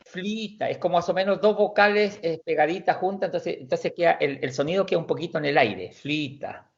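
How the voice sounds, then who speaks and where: A man teaching an online language class, explaining slowly and patiently, with frequent restarts and repeated words. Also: fairly high pitch, vocal fry, dull audio. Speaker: Swedish teacher.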